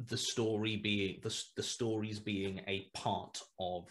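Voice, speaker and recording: Here the same kind of speaker, a male guest writer in his thirties, is being interviewed casually over video from a small home room, using a headset. His voice sits lowish with a level tone and a slightly slow delivery, and he works through his thoughts out loud with plenty of hesitations, fillers and false starts.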